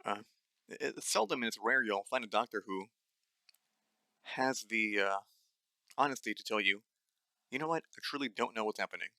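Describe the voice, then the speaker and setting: A young adult man hosts his own nutrition podcast in a solo ranting monologue, blunt, angry and swearing often. His lowish voice is gravelly, dry, pushed and bright at normal speed, with long pauses, many fillers and restarts, and no room sound.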